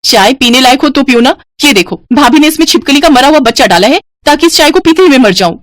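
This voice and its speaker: A woman voicing a spoiled, scheming young sister-in-law in an animated storybook, with a shrill, sneering, bossy manner. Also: a little fast, no echo, close to an everyday voice. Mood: accusing.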